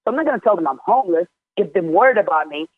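A Jordanian man in his twenties, a guest on a casual interview, races through his story with lively intonation and a high-sitting voice. He's candid, emphatic, and swears frequently. The tinny phone-line audio has no echo but some soft background music.

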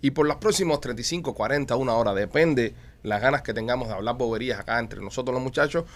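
A man hosting a casual podcast, teasing his co-hosts in quick, joking banter. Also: medium pitch. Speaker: podcast host.

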